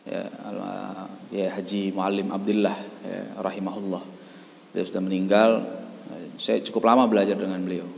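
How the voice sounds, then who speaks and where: A middle-aged man with an Indonesian accent giving a religious study lecture, speaking in a gentle storytelling manner and often tagging his phrases with "ya". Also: sits low, little pitch movement, normal speed, gravelly, slight background noise. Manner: gentle storytelling, frequent "ya" tags. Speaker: religious teacher. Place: Islamic boarding school hall. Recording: long hall reverb.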